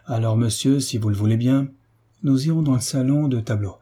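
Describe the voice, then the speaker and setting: A man's voice: mid-range voice, fairly quick, dark tone, husky, lightly acted. A man reading a stiffly polite, ambitious nobleman.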